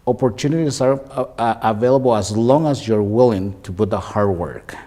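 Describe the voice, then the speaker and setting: Hesitant man, lowish voice. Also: moderate pace, warm tone. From Guatemala. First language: Mayan language. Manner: hesitant, many fillers and restarts. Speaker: guest, shoe designer. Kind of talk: interview.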